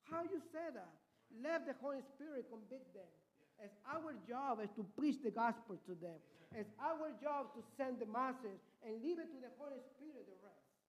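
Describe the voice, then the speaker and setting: Man, Peruvian Spanish accent, high voice, impassioned sermon, volume rising and falling. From Peru. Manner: impassioned, loud swings in volume. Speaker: missionary preacher.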